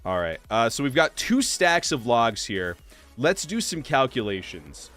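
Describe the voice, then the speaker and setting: A young man talks through a relaxed game livestream, chatting freely with his viewers. His voice swings up and down with lively, animated pitch, full of loose fillers. Soft music plays faintly behind him. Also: a little slow. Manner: chatty, reads and answers chat, many fillers. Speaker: streamer. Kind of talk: casual livestream chat while playing.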